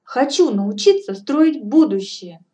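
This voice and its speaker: A woman's voice: lively intonation, slow pace, dark tone. Woman doing an anxious, pleading young woman. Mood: earnest. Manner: pleading, earnest, higher-pitched. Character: anxious, dutiful young woman seeking advice. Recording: distant from mic, faint music behind.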